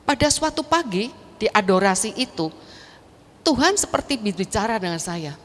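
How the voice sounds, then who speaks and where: A woman's voice: mid-range voice, lively intonation, normal speed. A middle-aged woman sharing an earnest, emotional faith testimony at a church prayer meeting, chatty and prone to restarts. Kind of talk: personal faith testimony talk. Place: large church hall. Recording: long hall reverb.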